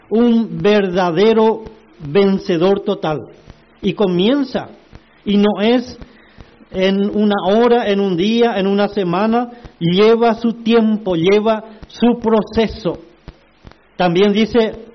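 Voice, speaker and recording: A man preaching a sermon, slow and emphatic, asking the congregation rhetorical questions. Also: high voice, muffled recording.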